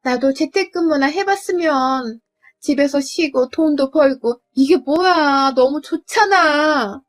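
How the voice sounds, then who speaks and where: A shrill, entitled young sister-in-law, voiced by a woman narrator pitches her voice up above the storyteller's own and speaks a little louder. She wheedles and demands. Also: takes it slowly, faint music behind. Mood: wheedling.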